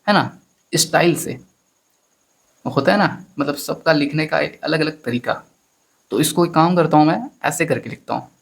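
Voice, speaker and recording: This Hindi-speaking teacher's voice sits on the high side and has a creaky quality. With an Indian accent, he walks through a maths lesson one step at a time, frequently addressing the class as his friends.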